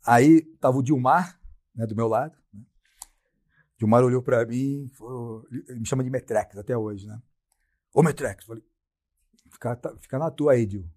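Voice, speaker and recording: Husky middle-aged guy w a brazilian accent, blunt and slangy, telling stories on a podcast and quoting himself. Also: medium pitch, normal speed, long pauses, a little mellow. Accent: Brazilian Portuguese. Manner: blunt, slangy, acts out his own quoted lines. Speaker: podcast guest, sports science professor. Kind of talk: casual storytelling.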